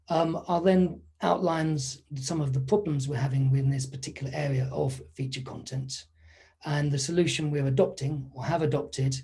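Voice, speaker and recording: A man delivers a conference talk over a video call. He sounds easygoing and conversational and often pauses on fillers. His voice is warm and dark with a touch of huskiness. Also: fairly high pitch, breathy edge. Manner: relaxed, conversational, with frequent fillers. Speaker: conference speaker. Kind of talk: online conference presentation.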